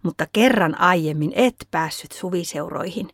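A gentle, patient mother speaks softly and soothingly to her child, voiced by a woman reading the story. The voice sits somewhat higher and the sound is dry. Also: no echo.

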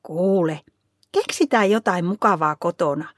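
A woman voicing a patient mother who speaks softly and soothingly to her young son in a storybook reading. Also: on the low side, dry recording, clean studio sound, lightly acted. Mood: gentle.

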